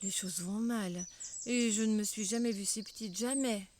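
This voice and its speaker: An older woman voicing the polite, curious little girl Alice in a storybook reading, coaxing and gentle. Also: medium pitch, fairly even intonation, moderate pace, a little hiss or hum, lightly acted. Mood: wondering.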